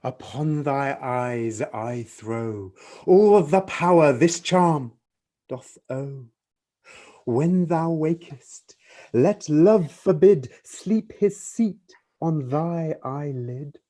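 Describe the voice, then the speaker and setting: A reader voicing Puck, a mischievous sprite, casting a spell in a hushed delivery. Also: medium pitch, expressive, very slow. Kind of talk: amateur Shakespeare reading.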